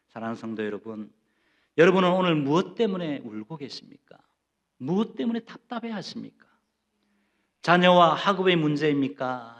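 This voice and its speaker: A man's voice: high voice, highs cut off. A middle-aged Korean man preaching a sermon, emphatic, often putting questions to the congregation and acting out quoted voices. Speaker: pastor.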